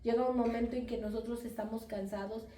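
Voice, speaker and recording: A woman with a Mexican accent giving a lively testimony and preaching to the church women, acting out the voices in her stories. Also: on the high side, brisk. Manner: animated storytelling, acts out voices in quotes. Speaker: speaker at a church women's meeting. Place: church hall. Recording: echoey room, voice far from the mic.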